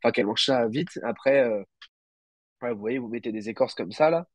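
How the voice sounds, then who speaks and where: In a relaxed livestream, a man with a slight cold explains woodlouse breeding as a guest isopod breeder, speaking a little fast in a medium-pitched voice. He hesitates a lot, fills pauses and hunts for words, and there's no echo.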